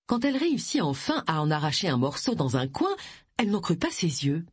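A woman narrating a novel aloud in an expressive storytelling manner. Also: low-pitched, brisk, breathy edge, no room sound. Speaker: audiobook narrator.

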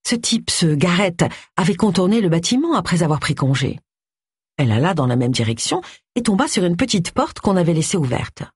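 Expressive woman narrating a novel. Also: on the low side, fairly quick, breathy edge, dry recording, studio quality. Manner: expressive, changes voice for each figure. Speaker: audiobook narrator. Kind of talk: scripted narration.

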